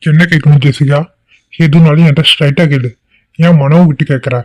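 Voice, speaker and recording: A man's voice: a little high, fairly even intonation, brisk, darkish tone, lightly acted. A man voicing a stern, bossy cartoon boss. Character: strict, scolding male office boss. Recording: dull lo-fi dry recording.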